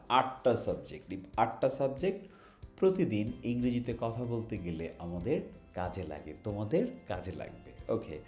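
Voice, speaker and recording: A man's voice: mid-range voice, a little mellow, echoey room. A Bangladeshi man teaching children English in an online lesson, patient, asking questions and having them repeat words.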